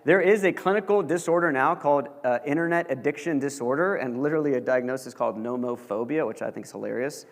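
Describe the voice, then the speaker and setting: A man's voice: mid-range voice, fast, few pauses. A young man giving a casual lecture to college students, chatty and joking, full of fillers. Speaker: guest lecturer. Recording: long reverb of a large hall.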